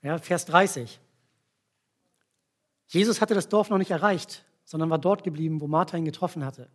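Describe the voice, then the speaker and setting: Guy preaching, kinda husky, fairly high voice, keeps asking the room if they follow. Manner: explains slowly with frequent tag questions. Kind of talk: sermon with volunteer demonstration.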